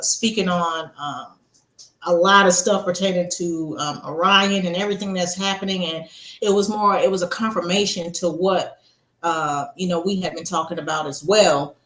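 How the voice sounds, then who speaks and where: A woman's voice: fairly low pitch, reverberant. A woman on a casual faith chat show, telling a story emphatically and addressing her listeners directly. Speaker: co-host.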